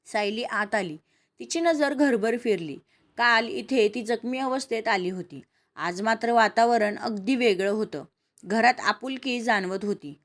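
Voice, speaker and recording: Calm female storyteller. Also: on the high side, measured pace. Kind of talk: scripted story narration.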